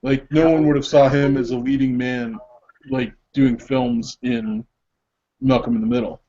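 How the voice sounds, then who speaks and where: A man's voice: medium pitch, little pitch movement, measured pace, dark tone, dull audio. A man in a casual movie commentary, rambling and hesitant. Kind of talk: casual group chat.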